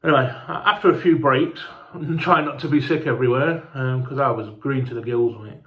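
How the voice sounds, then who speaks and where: A man's voice: mid-range voice, steady tone, a little fast, fairly bright tone, reverberant. A man telling a casual, rambling travel story, sweary and chatty, sounding hungover and unwell. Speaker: fan vlogger.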